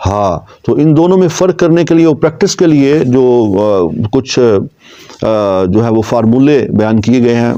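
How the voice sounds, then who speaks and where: A patient male tajweed teacher with a mellow, warm tone who draws out each letter sound slowly so learners can copy it. The recording sounds slightly dull and lo-fi. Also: medium pitch. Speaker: Quran recitation teacher. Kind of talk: tajweed lesson.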